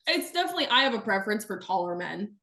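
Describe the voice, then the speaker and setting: A young adult woman, a podcast guest, telling stories in casual chat, animated and laughing often as she acts out quotes. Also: medium pitch, rapid-fire.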